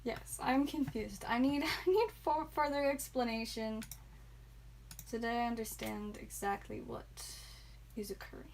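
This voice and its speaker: A woman's voice: on the high side, a little slow, creaky, a little hiss or hum. A woman hosting a live card-opening stream, chatting and giggling with viewers, tired and a bit loopy. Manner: chatty, giggly, talks to chat viewers by name. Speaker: livestream card seller and host.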